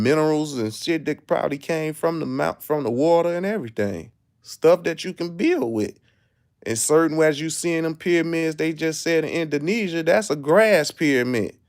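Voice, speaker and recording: A man's voice: fairly high pitch, gravelly. A man with a Chicago accent hosting a live stream, ranting in a boastful, profane, streetwise way while he reads things out. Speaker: livestream host. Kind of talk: casual live commentary.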